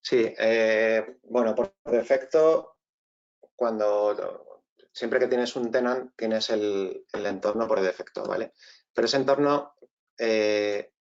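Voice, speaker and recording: A man's voice: fairly low pitch, muffled recording. A man with a Spain Spanish accent presenting an online tech tutorial, explaining step by step and often checking in with the audience. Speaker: webinar presenter.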